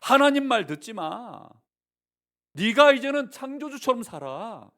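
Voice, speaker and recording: Devil tempter, put on by a male preacher: slow, coaxing, wide swings in pitch. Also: sing-song, pushed and bright, exaggerated voice.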